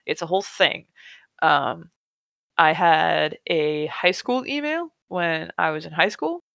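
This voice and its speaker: A woman's voice: deep voice, lively intonation, takes it slowly, vocal fry, fairly bright tone, no room sound. A woman hosting a casual talk show who reads a novel aloud and rants about it with sarcasm and heavy swearing. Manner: profane, sarcastic, ranting. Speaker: podcast host reading a novel aloud. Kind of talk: casual chat and dramatic reading.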